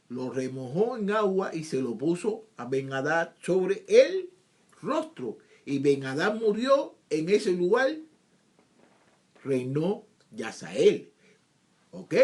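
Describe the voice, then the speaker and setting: A Bible teacher with a high voice reads scripture verses aloud and explains them in his own words. He often repeats himself and asks rhetorical questions.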